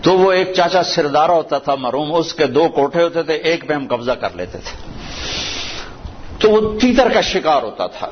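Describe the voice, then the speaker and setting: A man's voice: a little high, expressive. Man preaching on an old lo-fi tape. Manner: storytelling with Quranic recitation in Arabic; emphatic, repeating key phrases. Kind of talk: sermon. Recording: old dull lo-fi recording with faint noise.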